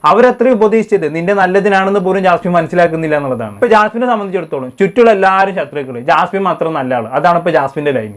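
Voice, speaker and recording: A man's voice: sits high, animated, rapid-fire, few pauses. A man hosting a casual episode review, talking in a sarcastic, scolding way. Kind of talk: fast casual review commentary.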